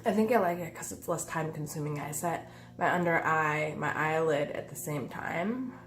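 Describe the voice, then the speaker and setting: With a cold making her voice stuffy and nasal, a thirty-something beauty vlogger talks her way through a makeup tutorial at home, full of ums and uhs. She's low-pitched and speaks at a normal speed from her bedroom by a window. Behind her are faint music and a weed eater.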